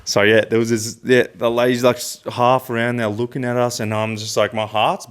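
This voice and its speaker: A man's voice: mid-range voice, level tone, brisk, clean tone. A man co-hosting a podcast, telling a story in casual chat with lots of fillers and restarts. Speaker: podcast co-host.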